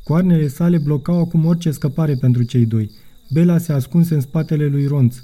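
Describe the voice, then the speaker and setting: A man reading a children's audiobook as narrator, in an even storytelling manner. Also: a little high. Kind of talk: scripted narration.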